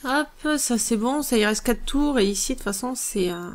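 A woman hosting a let's play, thinking aloud through strategy gameplay in a musing, hesitant way with many pauses. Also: a little high, expressive.

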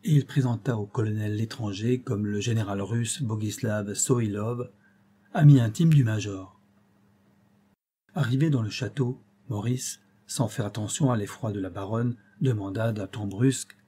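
Male audiobook reader, mellow dark voice, slight husk, measured expressive delivery. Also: on the low side, husky. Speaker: audiobook narrator. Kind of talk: scripted audiobook narration.

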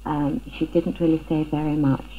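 A middle-aged woman who was the victim of a burglary gives a personal account in an interview, recorded indoors in the living room of her home. She speaks at normal speed in a deep, level voice, and the noisy audio has a tinny, phone-like 1970s film sound.

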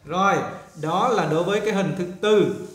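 Man, English teacher, high-pitched, slow repeated model pronunciation, roomy echo. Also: fairly bright tone. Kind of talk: explanatory lesson. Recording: echoey room.

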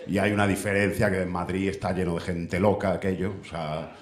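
A man's voice: low-pitched, little pitch movement, a little fast. A man in his thirties with a Spain Spanish accent doing a stand-up comedy monologue on a theater stage, brash and profane, chatting with the crowd. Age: 30s. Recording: echoey theater with faint audience.

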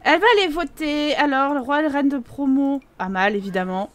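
A high-voiced young woman chats excitedly through her gameplay, reacting out loud and laughing often. Her commentary is casual and animated, the style of a video game host talking straight to her viewers. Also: a little fast. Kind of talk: casual Let's Play commentary.

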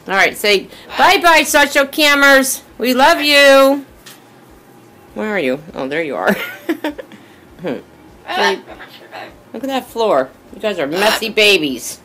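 A woman's voice: sits high, sing-song, takes it slowly, long pauses, bright, forceful tone. A woman vlogging at home on a phone camera, chatting to her pet birds in sing-song baby talk. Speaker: pet bird owner vlogging. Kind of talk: casual vlog talking to pet birds. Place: home indoors.

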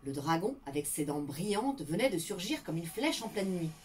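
A woman reading a children's story aloud in an expressive, animated way. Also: fairly low pitch, moderate pace, breathy edge.

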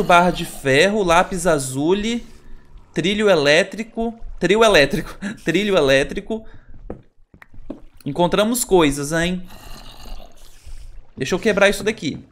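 A Brazilian man hosting a Minecraft let's play, chatting to viewers and nervously exclaiming as he explores. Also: on the high side. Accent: Brazilian Portuguese. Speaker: gaming channel host.

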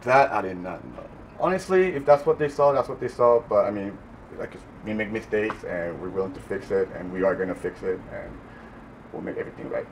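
Man, restaurant manager, deep voice, hesitant apologetic answers, distant mic with noisy restaurant ambience. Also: expressive, brisk. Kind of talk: interview answers. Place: indoors in a restaurant.

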